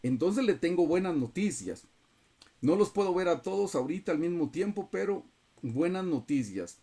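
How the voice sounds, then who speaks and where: A man preaches a Bible lesson over a video call, his voice set a little high yet mellow and soft-edged. He speaks earnestly and keeps calling out to his listeners as brothers. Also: expressive, normal speed, breathy edge. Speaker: Bible study teacher.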